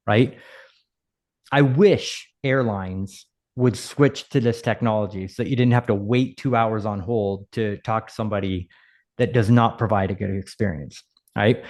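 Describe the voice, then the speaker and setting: A man of middle pitch talks through a software demo in a relaxed, off-the-cuff way. He drifts into asides and stories while explaining, like a host speaking straight to his audience. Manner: conversational, chatty with frequent asides. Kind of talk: casual software walkthrough.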